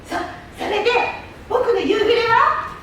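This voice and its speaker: Woman as high-voiced Little Prince, echoey stage. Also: measured pace, a bit bright. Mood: eager, pleading. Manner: childlike, earnest, polite. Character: innocent, curious little boy prince from an asteroid. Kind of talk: theatrical staged reading. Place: public hall stage, distant microphone. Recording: echoey hall from far off, faint noise.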